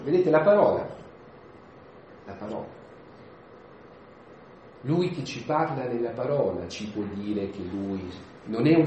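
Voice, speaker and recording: A man's voice: mid-range voice, a little hiss or hum. Man preaching in an echoey hall. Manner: lively, conversational, acts out the disciples' voices. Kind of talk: informal homily. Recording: echoey room.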